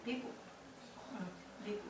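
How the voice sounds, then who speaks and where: A woman pastor preaching a lively sermon in a church, quizzing the congregation with call-and-response questions. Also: measured pace, distant mic, noisy background. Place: church sanctuary. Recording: echoey church hall from afar.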